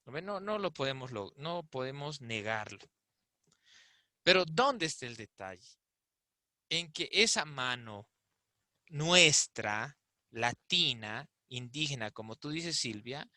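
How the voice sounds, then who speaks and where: A man's voice: medium pitch, pushed and bright, no room sound. A man giving an explanatory talk in a discussion, often asking rhetorical questions. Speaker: invited speaker. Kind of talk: conversational talk in an online discussion.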